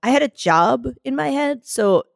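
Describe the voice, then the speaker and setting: A woman co-hosts a podcast in casual conversation, her voice smoky and scratchy from a sore throat. She's a chatty, rambling storyteller who restarts a lot, speaking at normal speed with a high-sitting, lively, creaky voice. The studio sound is clean, with no echo.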